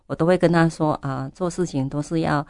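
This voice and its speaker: Deep and dark in tone, this older woman's voice stays steady while moving at a brisk clip. A church elder, she shares her story in a testimony interview, fervently repeating her prayers aloud. Clean studio sound with no room sound.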